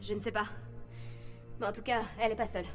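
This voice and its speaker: A woman's voice: medium pitch, flat delivery, quick pace, in a large hall, faint music behind, lightly acted. Actress doing a female scientist, video game dub, dry, sardonic, mid-range voice. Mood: cool, sardonic. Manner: dry and cutting. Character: curt, coolly rational female scientist.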